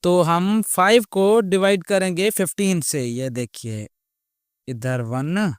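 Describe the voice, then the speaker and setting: A man teaching a step-by-step math lesson, explaining slowly and patiently and often checking that students follow. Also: high-pitched, clear, resonant tone, no room sound, clean studio sound. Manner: slow, patient explaining with repeated check questions. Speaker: math teacher, channel host.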